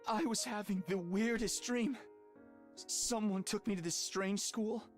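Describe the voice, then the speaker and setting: Woman playing a slow, earnest teenage boy. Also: mid-range voice, soft background music, lightly acted. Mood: confused, dazed. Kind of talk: English anime-style game voice acting.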